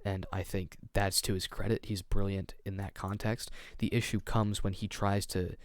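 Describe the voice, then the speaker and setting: A man's voice: low-pitched, flat delivery, normal speed, clean tone, dry recording. A man hosting a casual discussion, talking in an emphatic, argumentative way. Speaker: host.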